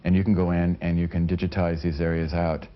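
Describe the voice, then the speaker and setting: An American man in his forties answers in an interview. His voice is very low and his delivery is a bit halting. The recording is dull vintage television audio. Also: little pitch movement, a little hiss or hum. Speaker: interviewee, professional photographer.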